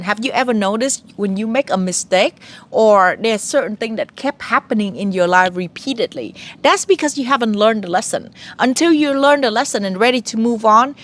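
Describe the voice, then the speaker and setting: Woman in her 30s doing a spiritual advice vlog, earnest, kinda high voice, talks right at you. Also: a bit bright. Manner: earnest, advising, talks straight to the viewer. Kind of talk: casual spiritual advice monologue.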